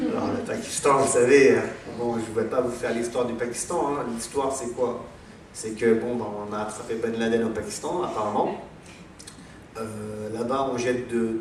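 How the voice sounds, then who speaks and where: A man's voice: mid-range voice, a little hiss or hum. French guy giving a religious talk, rambling with lots of ums, very echoey hall, mic far away. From France. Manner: digressive, repeats words, many fillers. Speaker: lecturer. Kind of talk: religious lecture. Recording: echoey hall, voice from far off, faint background ambience.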